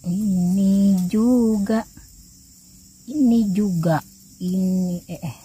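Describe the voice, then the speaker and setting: A woman from Indonesia chatting casually outdoors, mostly with short, quiet remarks while foraging. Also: medium pitch, drawn-out words, slightly rough. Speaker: foraging companion. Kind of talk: casual chat. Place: outdoors in a palm plantation.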